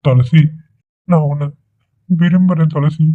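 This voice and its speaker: A man's voice: on the high side, unhurried, noisy background, natural voice. A man voicing a desperate, lovesick young man in a dubbed cartoon, who pleads insistently. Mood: pleading. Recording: tinny phone-like recording.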